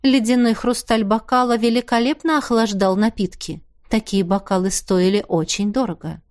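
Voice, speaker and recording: A woman narrating a novel aloud in an even, measured storytelling voice. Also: mid-range voice. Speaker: audiobook reader. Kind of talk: scripted narration.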